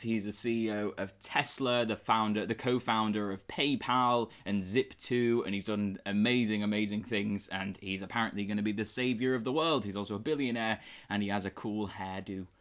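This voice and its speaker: A man's voice: lowish voice, normal speed, hardly any pauses, a bit bright. A young British man co-hosting a book review chat, talking casually and rambling with lots of fillers and restarts. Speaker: book review podcast co-host.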